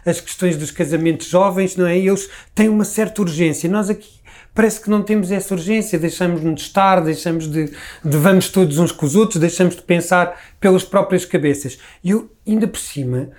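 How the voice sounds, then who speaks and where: A high, darkish voice with a slightly fast pace comes from a middle-aged Lisbon man with a Lisbon Portuguese accent. As a conversation guest, he is casual and reflective, rambling with many restarts.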